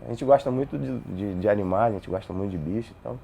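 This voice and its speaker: Gravelly Rio-man telling stories. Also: lowish voice, fast talker. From Brazil. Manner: animated, acts out dialogue in his stories. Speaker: interviewee. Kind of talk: casual storytelling interview.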